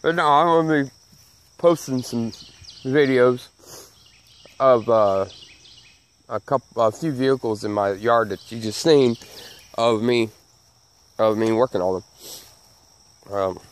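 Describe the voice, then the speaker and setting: A man's voice: medium pitch, unhurried, pauses often. A man with a Southern US accent and missing front teeth, giving a folksy, emphatic opinion rant to camera, repeating his phrases. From Southern United States. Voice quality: missing front teeth, slightly slurred sibilants. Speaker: channel host.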